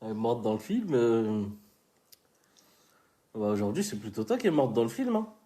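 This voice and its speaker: A man's voice: medium pitch, big pitch swings, normal speed, warm tone. A man chatting casually and giving slangy, opinionated commentary as he reacts to a reality show. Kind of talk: casual chat.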